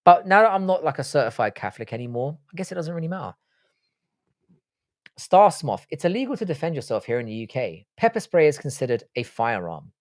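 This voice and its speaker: His voice sits a little high and is very animated and brisk, recorded dry at studio quality. Born in Ireland and raised in the UK, this livestream host casually reads out viewer questions, swearing, joking and speaking bluntly.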